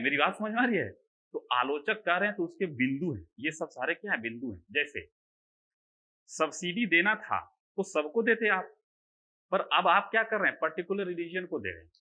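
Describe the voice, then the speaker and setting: A male lecturer running an online exam-prep class in a bright, tense, slightly high voice. He throws questions at his students, answers them himself, and keeps checking that they are following. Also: lively intonation, moderate pace, rough recording. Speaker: teacher.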